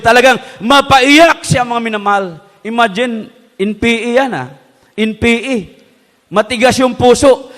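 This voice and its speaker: A woman preaching a fervent sermon, her voice ringing through a hall with a long echo. She keeps addressing her listeners as beloved and urges them to shout praise. Her delivery swings from loud, high exhortation to hushed, low storytelling. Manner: calls the crowd to shout praise.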